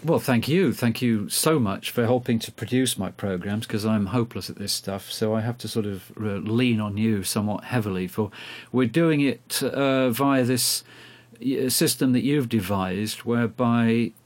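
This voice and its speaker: A man's voice: medium pitch, normal speed, few pauses. A man hosting a radio programme in a hesitant, self-deprecating, chatty way, speaking into a handheld recorder like a dictaphone. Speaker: radio host. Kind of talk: casual chat. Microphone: speaking into a recorder during a phone call.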